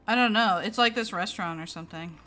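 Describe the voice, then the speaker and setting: Bright-voiced young woman streamer. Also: mid-range voice. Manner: teasing, protesting, quick to laugh. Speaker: streamer host. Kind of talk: casual stream chat. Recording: faint music in background.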